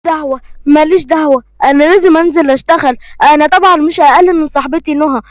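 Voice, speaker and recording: A woman's voice: sits high, racing, dry recording, close to an everyday voice. A woman voicing a defiant young Egyptian village woman who talks back mockingly.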